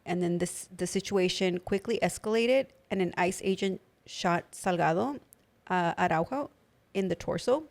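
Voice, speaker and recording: A young woman co-hosting a podcast chats casually at a moderate pace in a lowish voice. New dental aligners give her a slight lisp, and she uses plenty of filler words.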